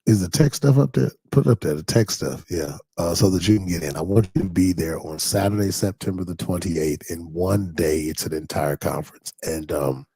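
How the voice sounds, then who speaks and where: A man preaching a conversational sermon as pastor, in a Detroit accent, who rises into high excited calls when stirred. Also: normal speed, hardly any pauses, husky, no room sound, clean studio sound. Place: church in Detroit.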